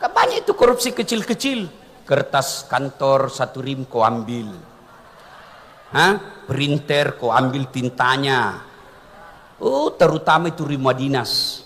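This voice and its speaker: A man giving a humorous sermon, joking and animated, asking his audience questions. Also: medium pitch, measured pace, long reverb tail, a little hiss or hum. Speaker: Islamic preacher.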